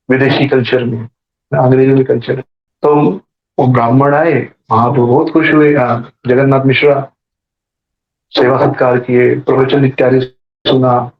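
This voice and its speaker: A man giving a sermon as a storyteller, acting out the voices in his story and adding joking asides. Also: medium pitch. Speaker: preacher. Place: temple hall. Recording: echoey dull temple hall recording.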